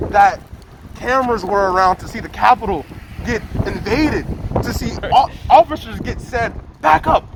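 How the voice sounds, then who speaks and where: A high-pitched man speaks through a face mask, debating with insistence. He repeats his phrases to drive each point home. Faint outdoor wind noise sits behind his voice. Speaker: interviewee giving opinions. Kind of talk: impassioned street debate.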